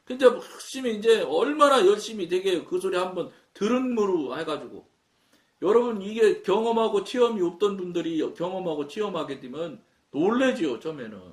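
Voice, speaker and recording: In an echoey room with the mic placed at a distance, a man from Chungcheong, Korea, preaches a sermon as pastor in a Chungcheong Korean accent. His voice sits high and is expressive at a normal speed as he tells his story and acts out the dialogue.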